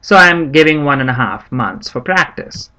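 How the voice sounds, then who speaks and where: A man's voice: a little high, moderate pace. A man hosting an introductory maths lesson, speaking in a friendly way and calling his viewers friends. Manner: friendly, addresses viewers as friends, lively rising emphasis. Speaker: host. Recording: dull lo-fi voice-over.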